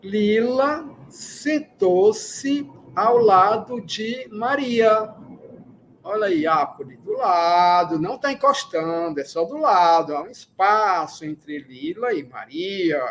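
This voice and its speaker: A man with a Brazilian accent teaches a language lesson in a slow, deliberate way. His voice sits fairly high for a man. He goes back over his example sentences patiently. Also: expressive, a bit bright, a little hiss or hum. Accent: Brazilian Portuguese. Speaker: Esperanto teacher. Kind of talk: slow classroom explanation.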